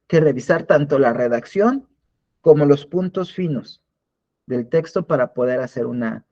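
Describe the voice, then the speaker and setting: A man's voice: on the high side, mellow, dull audio. A man teaching a live online class in a conversational way, often restarting and repeating words. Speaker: instructor.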